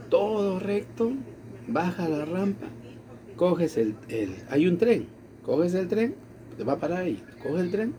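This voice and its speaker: A man from Latin America casually telling a personal story, acting out the quoted dialogue. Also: high-pitched. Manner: animated, acts out quoted dialogue. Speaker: storyteller in conversation.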